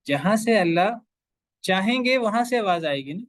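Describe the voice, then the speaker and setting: A man lecturing a class on scripture, his voice pitched a little high for a man. He drives each point home with repeated rhetorical questions. The sound is dry and close. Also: lively intonation, no room sound. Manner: emphatic, asks rhetorical questions and repeats phrases. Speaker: Quran teacher.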